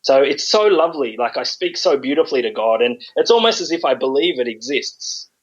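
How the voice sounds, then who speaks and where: A man's voice: mid-range voice, lively intonation, fairly quick, slightly rough, highs cut off. A man talking casually on a podcast, sarcastic and rambling, with frequent ums. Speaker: podcast guest.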